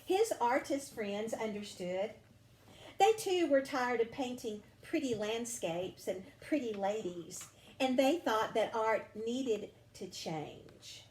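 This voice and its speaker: This storybook reader is a woman with a bright, high voice that rises and falls as she reads a kids' picture book. Her phrasing is slow and theatrical on the vivid words. There's audible room echo plus a faint hiss or hum.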